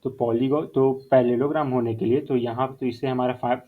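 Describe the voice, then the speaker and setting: A man's voice: mid-range voice, steady tone, fairly quick. A male math teacher explaining a whiteboard lesson step by step, repeating key terms and mixing in English phrases. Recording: phone-like narrow sound.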